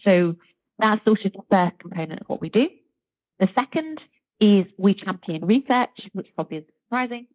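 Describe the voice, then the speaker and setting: A woman's voice: medium pitch, expressive, normal speed, no room sound. A woman, a charity chief executive speaking as a guest in a podcast interview, articulate and enthusiastic. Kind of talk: conversational interview. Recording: tinny phone-like remote line.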